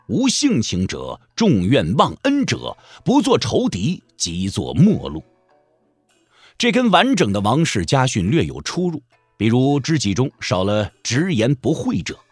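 With a mid-range voice and no room sound, a man narrates a Chinese martial arts audio drama, bringing wry, colloquial expressiveness to the telling.

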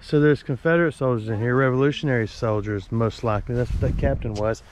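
Man, joking vlogger narrating outdoors on a camera mic, faint outdoor hiss, mid-pitched. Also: quick pace. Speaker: explorer vlogger. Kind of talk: casual walking commentary. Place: outdoors in a rural churchyard cemetery. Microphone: camera mic while walking.

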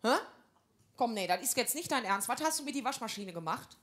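Female stand-up, slightly high pitch, brash gossipy slang-heavy housewife patter. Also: expressive, fairly quick, fairly bright tone. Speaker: comedian. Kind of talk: stand-up comedy monologue.

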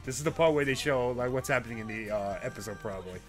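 A man reacting to an anime opening in casual commentary, excitable and swearing a lot, with sudden high-pitched laughs. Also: fast talker, soft background music.

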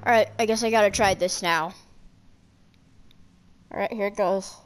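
A woman giving casual running commentary while playing a video game, reacting loudly to the game and to what she drinks. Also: mid-range voice, normal speed. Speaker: gamer. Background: game music and sound effects.

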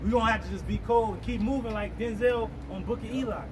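A man's voice: sits high, quick pace. A man preaching informally on the street, explaining scripture in a brash, slangy, swearing manner. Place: outdoors on a sidewalk by a storefront. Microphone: camera a few metres away. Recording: noisy outdoor street recording, distant microphone, traffic.

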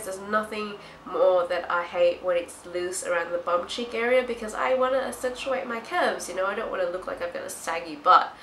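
Young female haul vlogger, stuffy nasal voice from being sick, lowish pitch, roomy sound. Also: a bit bright. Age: young adult. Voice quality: nasal, congested. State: sick with blocked nose and itchy throat. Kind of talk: casual chat to camera. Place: small hard-walled room indoors. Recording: roomy echo, faint background noise.

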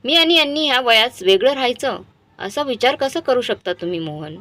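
A woman voicing an elderly mother who speaks calmly but firmly to her grown sons. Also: fairly high pitch, moderate pace, pitched above the performer's own voice. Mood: soothing. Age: older.

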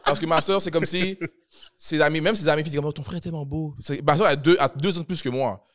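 A man's voice: a little high, fast talker, background noise. A man, a podcast guest chatting casually and acting out his family's lines as he tells stories. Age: 20s. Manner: animated storyteller, acting out family members' lines; mixes in English phrases mid-sentence. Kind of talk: casual chat.

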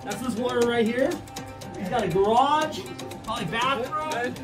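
A woman's voice: a little high, normal speed. Woman talking in a cave echo. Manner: excited, pointing things out. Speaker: travel vlogger. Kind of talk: casual tour commentary. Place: inside a cave home. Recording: echoey cave, distant mic, loud music.

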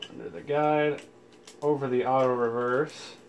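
Speaking with a steady tone and measured pace in a mid-range voice, a man hosts an informal how-to demonstration and explains it step by step. He is a tutorial host working indoors in a room with audio equipment. The recording has clear background room noise.

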